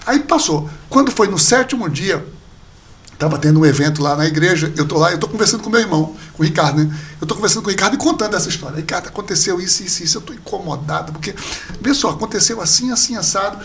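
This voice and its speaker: A man, a pastor and podcast guest, telling a personal story in casual conversation, lively and acting out the people he quotes. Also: sits high, quick pace, vocal fry, slight background noise. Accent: Brazilian Portuguese. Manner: animated storyteller, acts out quoted dialogue.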